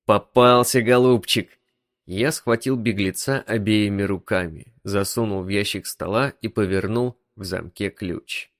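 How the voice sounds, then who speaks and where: A man reading a first-person story as an audiobook narrator, in an even, measured manner. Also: on the low side, no room sound, studio quality.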